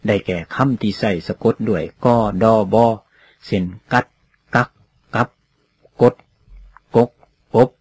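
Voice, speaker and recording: A man giving a read-aloud lecture on poetry, slow and deliberate, sounding out example words one at a time. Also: fairly low pitch, husky. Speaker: teacher of poetry.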